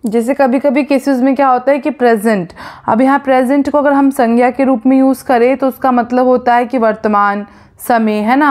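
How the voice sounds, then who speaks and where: Slow, hesitant woman explaining. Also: fairly high pitch, darkish tone. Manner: explains in Hindi and reads English examples slowly; frequent hesitations and self-corrections. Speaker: teacher. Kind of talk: explanatory lecture.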